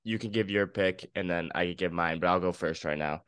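Young male co-host, lowish voice, dry close sound, keen and opinionated. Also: brisk, clean tone, no echo. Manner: excited, opinionated. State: just woken up, morning voice. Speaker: podcast co-host. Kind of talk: casual sports podcast chat.

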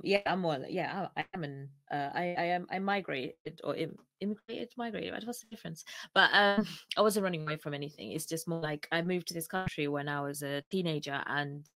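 A woman from Uganda, co-hosting as a podcast guest, chats casually and laughs often. Her accent is mostly English with Ugandan traces. Her voice is fairly low yet fairly bright in tone, with no echo.

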